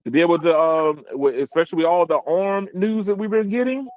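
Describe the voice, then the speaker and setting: A man hosting a casual tech podcast, rambling with restarts and quick laughs. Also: on the high side, dry recording, narrow, tinny audio. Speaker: podcast host.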